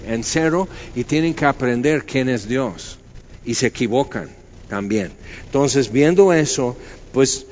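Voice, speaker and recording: A man preaching a sermon in a loose, conversational way, full of fillers and acted-out asides. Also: mid-range voice. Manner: conversational, animated storytelling with many fillers. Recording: slightly dull, faint background noise.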